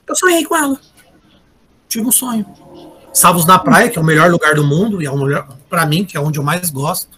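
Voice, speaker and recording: Lively high-voiced man telling a story. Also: fairly quick, music in the background. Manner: animated storytelling, acts out quoted voices. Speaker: guest sharing a personal story. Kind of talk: casual confessional chat.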